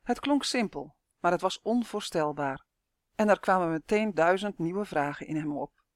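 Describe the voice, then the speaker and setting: A narrator reading a children's novel aloud in a steady, even storytelling manner. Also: medium pitch, normal speed, no echo, clean studio sound. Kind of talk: audiobook narration.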